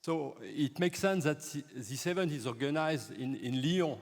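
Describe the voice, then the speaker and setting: Man, formal conference welcome, halting repeats, fairly high voice, long hall reverb. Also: expressive. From France. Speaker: conference co-chair, professor.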